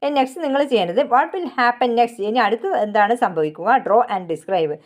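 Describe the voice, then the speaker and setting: Malayali woman teacher, slightly high voice. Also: expressive. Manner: reads English slowly and deliberately, explains quickly. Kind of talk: textbook lesson, reading English lines slowly then explaining in Malayalam.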